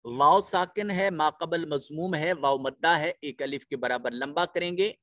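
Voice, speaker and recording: A man with a Pakistani Urdu accent teaching a Quran lesson, reciting verses in a slow, drawn-out chant and explaining pronunciation rules methodically. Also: fairly high pitch, fairly bright tone, no echo, clean studio sound.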